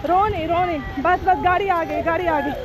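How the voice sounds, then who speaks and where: A woman's voice: extremely high pitch, fairly even intonation, normal speed. A woman vlogging with her family, frantically urging her children along and repeating prayers and reassurances, outdoors in a storm and then in a car. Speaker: vlogger, mother. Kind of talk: casual family vlog. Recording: loud crowd and rain noise.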